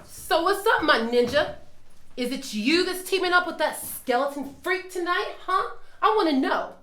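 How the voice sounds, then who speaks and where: A woman's voice: very high-pitched, lively intonation, sharp tone, full character voice. A woman playing a menacing, taunting catlike wrestler in a staged wrestling promo. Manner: slow, threatening taunts. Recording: echoey room.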